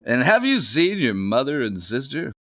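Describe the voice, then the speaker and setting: A man's voice: medium pitch, sing-song, moderate pace, a bit bright, no room sound, clean studio sound, voice pushed up. A man voicing a puzzled father in a read-aloud storybook. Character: puzzled dad.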